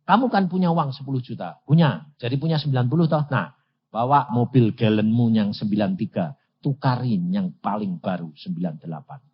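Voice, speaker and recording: A man's voice: medium pitch, lively intonation, normal speed, breathy edge, dull audio. An old man voicing God in a sermon story, speaking plainly and with a teasing edge. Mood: matter-of-fact. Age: 80s.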